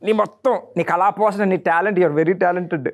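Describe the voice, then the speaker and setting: A man hosting a talk show, teasing his guest in quick, playful banter. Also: high voice, steady tone, a little hiss or hum. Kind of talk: playful casual chat. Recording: loud music underneath.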